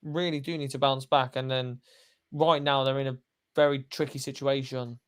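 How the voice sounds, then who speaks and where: A man's voice: mid-range voice, little pitch movement, moderate pace, clear, resonant tone. A young man co-hosting a football fan stream, talking bluntly and swearing freely. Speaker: co-host. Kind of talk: football fan podcast chat.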